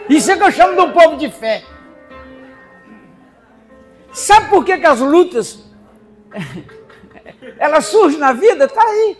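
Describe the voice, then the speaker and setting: A woman with a Brazilian accent preaching a sermon in a church service, animated, laughing as she speaks and acting out the voices she quotes. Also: high voice, a little slow, soft background music.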